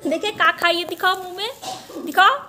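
Strict high-voiced woman teacher giving orders. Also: moderate pace, sharp tone, a little hiss or hum. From Jharkhand, India. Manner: strict, commanding, gives short orders. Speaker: tuition teacher. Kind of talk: classroom instruction to children. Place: small home tuition class indoors.

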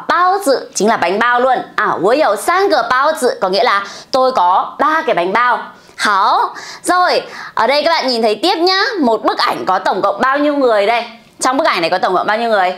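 A woman's voice: on the high side, fairly bright tone. A Vietnamese woman teaching a lesson, asking questions and answering them herself, drawing out the words she models. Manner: asks and answers her own questions, playful. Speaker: Chinese teacher. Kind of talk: online language lesson.

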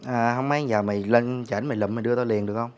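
A man's voice: medium pitch, fairly even intonation, rapid-fire, highs cut off, close to an everyday voice. A young man with a Southern Vietnamese accent, playing a student who insists his friend repay him. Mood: insistent. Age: young adult. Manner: insistent, cursing. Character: demanding young male student owed money. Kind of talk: web sitcom acting.

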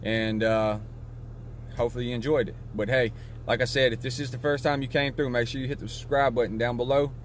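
Male car vlogger, relaxed and chatty, slightly winded, mid-range voice, faint outdoor noise. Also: medium pitch, a little fast. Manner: laid-back, chatty, talks straight to viewers. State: a little out of breath. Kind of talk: casual how-to vlog outro.

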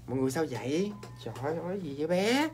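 A man with a Southern Vietnamese accent, hosting a ghost story show in a chatty, animated way and talking straight to his viewers. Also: a little high, slight background noise. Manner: animated, talks straight to viewers, quick asides and laughs.

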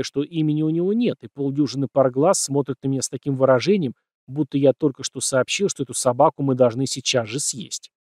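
A man's voice: medium pitch, dry recording, studio quality. A man narrating a first-person crime story as an audiobook, acting out bits of dialogue.

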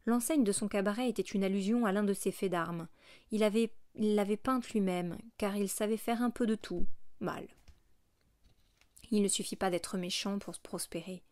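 A woman narrating a classic novel as an audiobook, in a measured, expressive reading. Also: mid-range voice, no room sound, clean studio sound.

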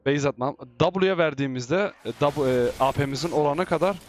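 A man giving live commentary as he plays a game, excitable and teasing, often shouting at teammates. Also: fairly high pitch, moderate pace, soft background music. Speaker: gaming YouTuber.

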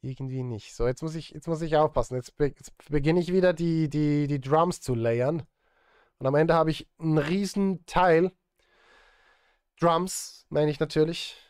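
A man in his thirties, a film composer and livestreamer, chats casually on a stream from his small indoor home music studio, muttering informal asides as he thinks aloud while working. His voice is fairly high and darkish, with fairly even intonation at normal speed. The sound is clean, with no room echo.

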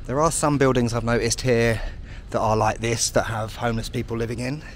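A British man vlogging his travels talks casually as he walks outdoors along city streets, mixing wry observations with jokes at his own expense. He speaks fairly quickly at a medium pitch with fairly even intonation. Faint traffic and street noise can be heard.

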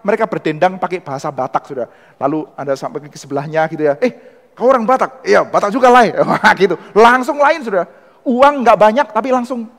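A man with a Surabaya accent giving an animated church history lecture, who keeps calling his listeners "Saudara". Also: a little high, long reverb tail. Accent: Surabaya Indonesian. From Indonesia. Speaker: theology lecturer.

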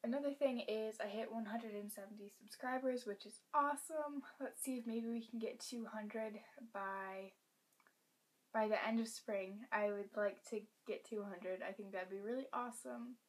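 A teenage girl giving a casual vlog update from home, speaking in a hushed half-whisper and rambling with fillers. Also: a little high, moderate pace. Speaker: pet vlogger.

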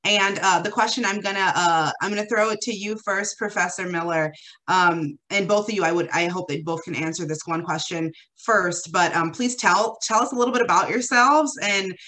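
Bright-voiced woman moderating an online panel. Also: lowish voice, normal speed. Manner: upbeat, thanking and introducing speakers. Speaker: forum moderator. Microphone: webcam on a video call.

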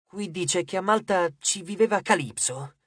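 Narrator doing a steady teen boy, matter-of-fact, slow, dry recording. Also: medium pitch, husky, no room sound, pitched above the performer's own voice. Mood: pacato.

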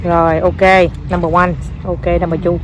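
A woman's voice: lowish voice, flat delivery, unhurried, background noise. Young woman, southern Vietnamese accent, chatty mom vlogging with her kid, coaxing and cheering. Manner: chatty, coaxing and cheering a small child, mixing in English words. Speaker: mother filming her child. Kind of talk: casual family vlog chat.

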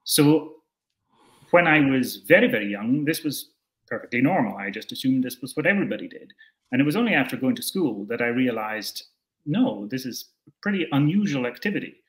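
Speaking from a room in his home, a young man from Scotland takes interview questions over a video call. His medium-pitched voice swings widely in pitch and runs a little fast, and he often hesitates, restarting sentences and using fillers as he thinks.

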